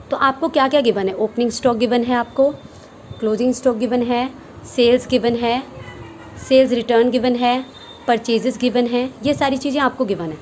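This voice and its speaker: A woman with a fairly high voice teaches an accounting lesson. She poses questions and answers them herself as she works through each step, and she mixes in English terms. A faint hiss sits under the recording. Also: a little mellow, low-quality recording. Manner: explains step by step, asks and answers her own questions. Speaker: commerce teacher.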